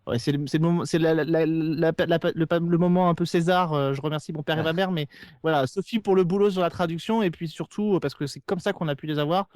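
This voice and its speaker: This man, host of a podcast covering a TV series, talks fast in a slightly high, darkish voice with fairly even intonation. He chats casually over a remote internet call, explaining at length and hesitantly repeating words, captured on a podcast microphone with studio quality and no room sound.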